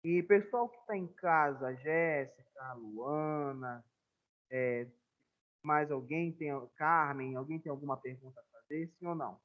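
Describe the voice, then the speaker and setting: A man's voice: on the high side, a little slow. A man teaching a class as professor, explaining in a conversational way and often checking in with the students. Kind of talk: live online lecture. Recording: tinny phone-like audio.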